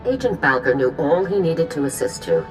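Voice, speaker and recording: A woman playing a stern, commanding military general in a video game, with a brisk, authoritative manner. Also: sits low, sing-song, low-quality recording. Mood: stern, dry. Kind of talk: video game cutscene acting. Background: music.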